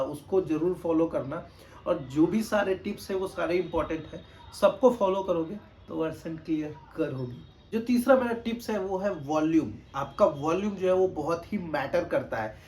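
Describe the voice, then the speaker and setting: A man with a fairly high voice talks straight to the camera in a loose, casual tutorial, deliberately louder than he normally speaks. He keeps returning to his points with little check-ins, patient and instructive. A faint hum of background noise sits under the voice. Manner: raised, projected speaking voice. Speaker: test-prep tutor. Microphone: camera mic.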